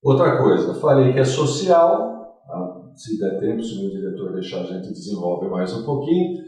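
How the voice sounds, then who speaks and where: A man's voice: lowish voice, big pitch swings, moderate pace, warm tone, heavy reverb, far from the mic, faint music behind, poor audio. Theatrical, jokey male talk show host. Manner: theatrical, jokey, jumps between topics. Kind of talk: lively studio interview.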